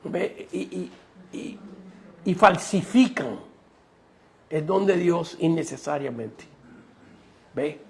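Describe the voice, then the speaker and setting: A male pastor delivers an emphatic sermon and keeps turning to the congregation with rhetorical questions. His voice sits high for a man and has a rough, gravelly edge. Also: animated, slow pace, pauses often, darkish tone.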